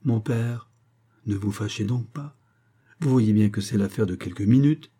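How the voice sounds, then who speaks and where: A lightly curious young heiress with a soft, raised voice, as a man reading aloud puts her on. She speaks in a mellow, slightly husky tone. She comes from a storybook audiobook. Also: on the low side, unhurried. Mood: gentle soothing. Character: young American heiress, amused and gentle.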